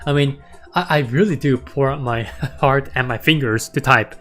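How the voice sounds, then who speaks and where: The man running this stock market livestream chats casually at a normal speed, his medium-pitched voice raspy and sore yet fairly bright. He rambles, repeats words, and keeps adding "right?" and "okay?".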